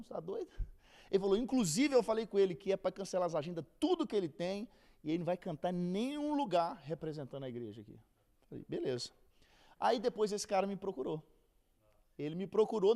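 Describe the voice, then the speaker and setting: A man's voice: sits high, warm tone. A man with a Brazilian Portuguese accent teaching a Bible lesson in a casual, storytelling way, acting out the people he quotes.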